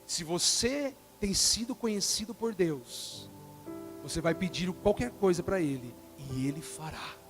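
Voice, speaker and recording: A man preaching a sermon, acting out quoted dialogue and swinging between loud bursts and soft, quiet lines. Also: high voice, lively intonation, measured pace, soft background music.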